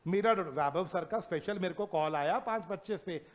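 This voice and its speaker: Man, teacher, classroom lecture, fairly high pitch, mixes Hindi and English, reads legal wording slowly, asks students questions.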